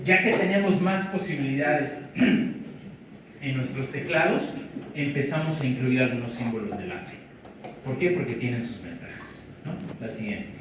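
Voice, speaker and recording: A man with a Mexican Spanish accent giving an academic lecture in a conversational way, often checking in with his audience. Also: medium pitch. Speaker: linguistics lecturer. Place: large lecture hall. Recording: echoey hall from far off, faint noise.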